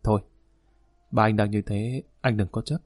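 A man voicing a gentle young woman who soothes her boyfriend, in an audiobook reading. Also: medium pitch, a little fast, soft background music, lightly acted. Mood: soothing. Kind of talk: audiobook narration.

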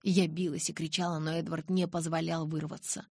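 A woman reading a novel aloud in a dramatic, intense way, with a husky voice. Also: low-pitched, little pitch movement, fairly quick, dark tone, dry recording, clean studio sound. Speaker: audiobook reader. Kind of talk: scripted narration.

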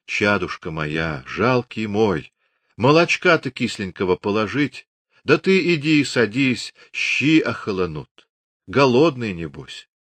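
A man voicing an elderly peasant mother who fusses and laments in a high sing-song. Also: big pitch swings, takes it slowly, a bit bright, no room sound, exaggerated voice. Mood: tender fussing.

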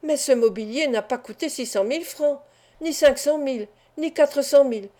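A woman's voice: sits high, moderate pace, mellow, pitched above the performer's own voice, natural voice. A woman voicing an accused man in an audiobook, protesting his innocence with growing desperation. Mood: indignant. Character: accused male clerk, indignant and desperate.

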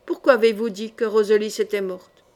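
A woman voicing a proud, hungry young male knight who speaks gruffly but kindly, read in an audiobook. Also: medium pitch, fairly even intonation, brisk, natural voice. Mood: anguished. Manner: gruff, then gentle.

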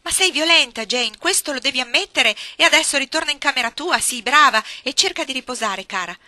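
Stern cold aunt talking down sweetly, bright edgy tone , a woman reader doing her, storybook reading. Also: high voice, expressive, brisk, no room sound, voice pushed up, exaggerated voice. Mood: coaxing. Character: stern cold aunt, middle-aged woman, falsely soothing.

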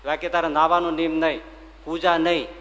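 A kindly but commanding holy master, booming and affectionate, as a preacher puts him on. He speaks a little high, and the words carry through a long, echoing hall. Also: little pitch movement, a little fast, a bit bright, close to an everyday voice. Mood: playful. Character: kindly commanding male god-guru, playful authority.

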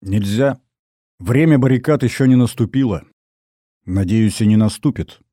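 A man narrating a first-person audiobook in a wry, expressive storytelling manner. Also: on the low side, moderate pace, no echo, studio quality.

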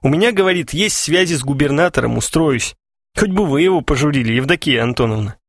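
A man's voice: a little high, expressive, fast, dry recording, clean studio sound, voice pushed up. A man voicing a cheerful, ironic young man who teases his friends, with a wry, mocking delivery. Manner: wry, teasing. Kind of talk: audiobook character voice.

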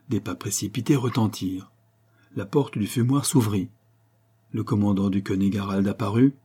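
A man reading a novel aloud in a steady, measured storytelling manner. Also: fairly low pitch, slightly rough. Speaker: audiobook narrator.

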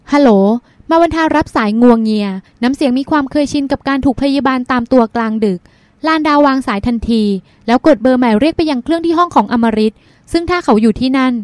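A woman narrates a novel as an audiobook, reading steadily and expressively. Her voice sits high. The recording is close and dry. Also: darkish tone, no room sound. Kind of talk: scripted narration.

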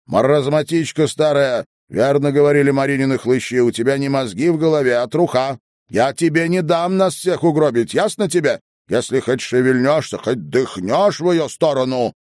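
A man voicing a cold, furious female village headwoman in an audiobook, scolding and shouting. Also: medium pitch, normal speed, no echo, clean studio sound, voice pushed up, lightly acted. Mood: raging.

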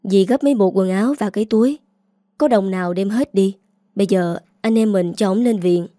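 Woman reading an anxious elder brother, hurried and practical, dry close sound. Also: medium pitch, mellow, no room sound, natural voice. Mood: urgent. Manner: urgent, hurried.

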